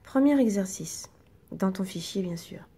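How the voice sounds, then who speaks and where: A woman teacher, slowly and patiently guiding young children through reading exercises and sounding out each syllable. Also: medium pitch, lively intonation, dark tone, breathy edge.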